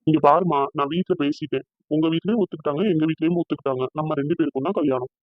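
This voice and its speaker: A man voicing a loving young fiancé in a cartoon, gentle and reassuring. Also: fairly high pitch, steady tone, no room sound, narrow, tinny audio, close to an everyday voice. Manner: gentle, reassuring, fast-talking. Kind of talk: cartoon voice acting.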